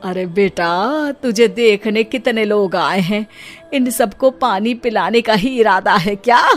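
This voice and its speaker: An actress voicing a proud, boastful middle-aged mother-in-law who scolds and lectures slowly. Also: medium pitch, faint music behind, natural voice. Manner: slow, scolding and preachy.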